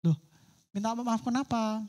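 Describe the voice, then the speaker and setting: Woman preacher doing a kind old grandpa, calm, forgiving, gentle, no rush. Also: on the high side, moderate pace, close to an everyday voice.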